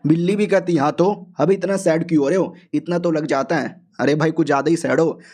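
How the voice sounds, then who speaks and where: A man's voice: on the high side, brisk, a little mellow. A man narrating a comic manhwa recap in a slangy, joking way, briefly acting out the figures' lines himself.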